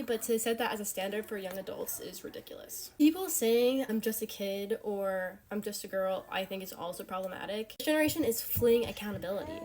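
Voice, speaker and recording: A woman in her late teens, a young wife and mother, giving blunt, emphatic opinions straight to camera. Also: mid-range voice. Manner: emphatic, blunt, rising to forceful points.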